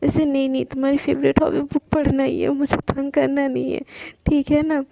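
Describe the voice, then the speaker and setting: A woman's voice: sits high, flat delivery, brisk, gravelly, warm tone, dry recording. A woman voicing a playful young woman who teases her friend and coaxes her with pleas, told as a spoken love story. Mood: teasing. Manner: teasing, coaxing.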